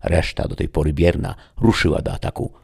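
A man narrating a sci-fi fantasy audiobook in a steady, dramatic storytelling manner. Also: deep voice, a little fast, vocal fry, slightly rough.

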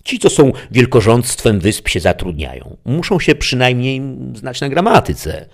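A man's voice: mid-range voice, sing-song. A man doing a wry learned scholar. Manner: measured, explaining. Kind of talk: audiobook reading with voices.

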